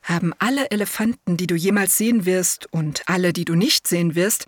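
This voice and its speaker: A woman reading a children's storybook aloud, gentle and measured, as if telling it to a child. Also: lowish voice, no room sound, studio quality.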